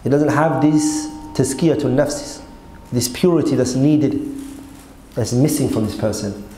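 A mellow, unhurried mid-range voice belongs to an Islamic teacher lecturing a class on a religious text from his desk in a hall. He speaks emphatically but conversationally, using rhetorical questions to engage his listeners. The gooseneck desk mic picks up an echoey room and faint background noise.

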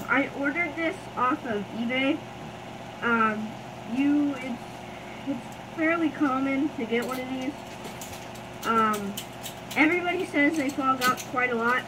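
A woman's voice: sits high, background noise. A young woman in her teens, talking through a gas mask in a rambling, hesitant review full of ums, recorded on a phone camera on a tripod. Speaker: gear reviewer. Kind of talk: casual product review.

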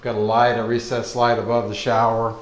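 A man's voice: mid-range voice, completely flat delivery, a little fast, a little hiss or hum. A man narrating a casual walkthrough tour of an empty apartment as a leasing agent, matter-of-fact with frequent fillers, recorded on the camera while walking room to room. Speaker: real estate leasing agent.

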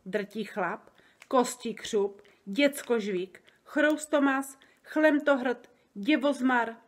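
A woman reading aloud and voicing a big, kind male giant who talks slowly and makes up odd words. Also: fairly high pitch, pitched above the performer's own voice, natural voice. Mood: explaining. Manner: slow, wondering, jumbled made-up words.

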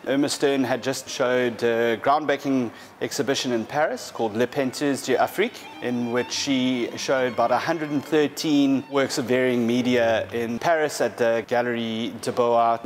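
Guy in his 30s walking through paintings in a big gallery, steady explaining tone, lots of ums, soft music underneath. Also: mid-range voice. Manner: measured, explanatory, with frequent fillers and restarts. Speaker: art specialist. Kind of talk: gallery presentation. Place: large gallery hall, indoors.

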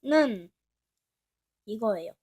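A woman's voice: mid-range voice, expressive, very slow, background noise. A woman narrating a homemade toy-brick drama in a casual, chatty way with mumbled asides.

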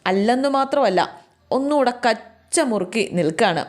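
A woman's voice: fairly high pitch, expressive, normal speed. A woman retelling a family drama as a chatty oral storyteller who talks straight to her listeners and often restarts mid-word.

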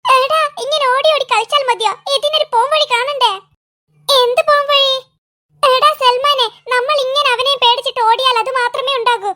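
A woman's voice: extremely high pitch, steady tone, normal speed, bright, forceful tone. A woman voicing a bold, hot-headed little boy in a cartoon, talking in a blustering, boastful way. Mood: urging. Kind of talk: cartoon voice acting.

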